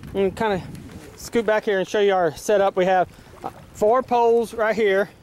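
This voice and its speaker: A man giving a relaxed, casual fishing how-to while out on a pontoon boat, filled with uhs. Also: high-pitched, normal speed. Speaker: fishing vlogger. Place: pontoon boat on a windy lake, outdoors. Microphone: handheld camera mic. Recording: heavy wind and boat noise on mic.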